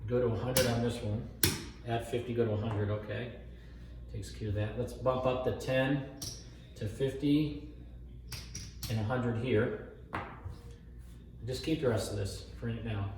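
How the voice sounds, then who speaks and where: A man demonstrating a craps betting strategy speaks like a table caller, announcing rolls, bets and payouts while muttering tallies and repeating numbers. His medium-pitched voice is steady and darkish, measured in pace, with long pauses. The room echoes, the mic is distant, and there's faint noise plus some clicks.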